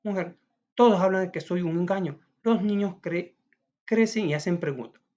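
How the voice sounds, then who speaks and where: A man's voice: high-pitched, moderate pace, darkish tone, dull audio, pitched above the performer's own voice, close to an everyday voice. A man voicing a wronged, grieving woman from a legend in a classroom play reading, crying out in tearful pleas. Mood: pleading. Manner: tearful, pleading cries.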